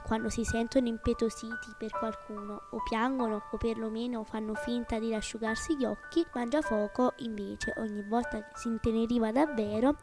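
A woman narrating a storybook podcast in an expressive, measured way, her voice a little higher than most. Clear music plays behind her throughout. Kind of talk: audiobook narration.

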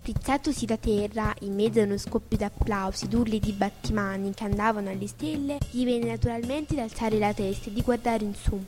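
A woman narrating a classic children's tale in an expressive, measured audiobook reading. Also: medium pitch. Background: background music.

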